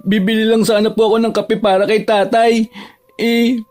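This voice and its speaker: A man voicing a tearful, timid young village boy in a dramatized story, speaking in halting sobs. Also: sits high, flat delivery, darkish tone, natural voice. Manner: sobbing, halting speech.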